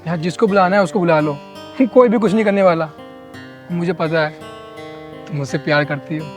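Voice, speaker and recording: A man's voice: fairly high pitch, moderate pace, music in the background, lightly acted. A young man in his twenties playing a brash, pushy stalker who wheedles and brags. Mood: cocky. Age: 20s.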